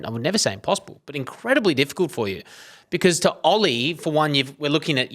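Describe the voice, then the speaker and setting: A man's voice: medium pitch, fairly bright tone. A man co-hosting a podcast, chatty and asking detailed, thought-through questions. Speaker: podcast co-host. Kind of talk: casual interview chat.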